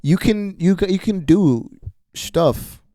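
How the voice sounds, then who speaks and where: A man in his twenties on a casual podcast, relaxed and encouraging, using casual slang and laughing along. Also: high-pitched, takes it slowly, no room sound, studio quality. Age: 20s. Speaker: podcast co-host. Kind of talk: casual chat.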